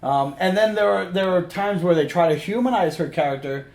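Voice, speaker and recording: Male review co-host, fairly high voice, emphatic and opinionated, casual and sweary, echoey room sound. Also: expressive, brisk, gravelly, darkish tone. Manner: opinionated, emphatic, repeats himself. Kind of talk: casual film review chat with profanity.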